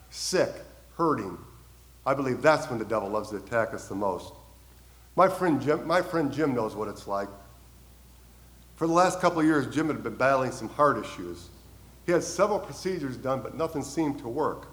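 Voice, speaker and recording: A man in the middle of a sermon, speaking at an ordinary pitch. He tells his stories earnestly, lifting his voice and then letting it fall to a quiet close on the key lines. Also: poor audio. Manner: earnest storytelling, swells then drops softly on key lines. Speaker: preacher.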